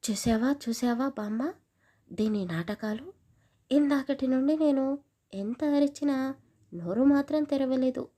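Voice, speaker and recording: A woman's voice: sits high, measured pace, pauses often, warm tone. A woman voicing a stern, angry young village man who scolds harshly in a storybook.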